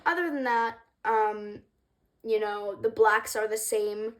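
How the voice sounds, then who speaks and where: Young woman, slightly high voice, hesitant, lots of ums, casual craft vlog. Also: slow pace. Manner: rambling, hesitant, many ums, self-deprecating. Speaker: craft creator. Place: room with wooden floor, indoors.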